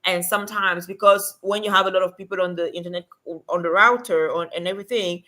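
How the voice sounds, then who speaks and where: A woman's voice: lowish voice, fairly even intonation, brisk, sharp tone. A woman from Cameroon hosting a casual livestream, giving remote work advice and chatting with viewers, with many fillers.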